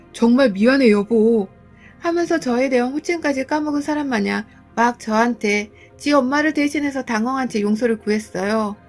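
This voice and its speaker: A woman narrating a first-person true story in an indignant, emphatic way. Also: fairly high pitch.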